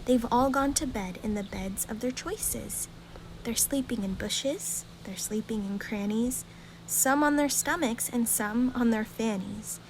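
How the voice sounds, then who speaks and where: A woman reads a rhyming children's bedtime story aloud in a calm, gentle, expressive storytelling way. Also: a little high, measured pace, a little hiss or hum.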